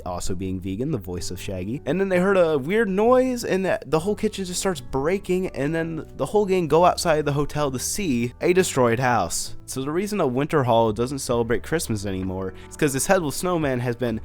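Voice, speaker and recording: A young man hosting a casual cartoon commentary, animated and emphatic with slangy asides. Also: a little high, fairly quick, few pauses, soft background music. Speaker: cartoon reviewer, channel host.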